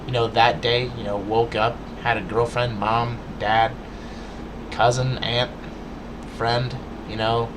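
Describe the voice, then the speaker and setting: Speaking slowly and flatly in a mid-range voice, this male vlogger delivers a casual rant to camera. He lectures his viewers earnestly and directly, stuttering through restarts and fillers over background noise.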